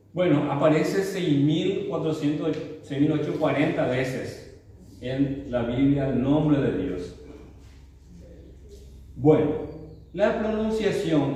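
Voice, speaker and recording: A man teaching a church Bible class, explaining slowly and often checking with the class through tag questions. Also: a little high, mellow. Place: church hall. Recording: distant mic in very echoey hall, faint room noise.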